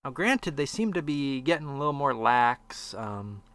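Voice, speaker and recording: This gaming podcast co-host talks at normal speed in a medium-pitched, slightly bright voice, and he's very animated. His take is casual and opinionated, though he wanders and hesitates, leaving ideas half-done.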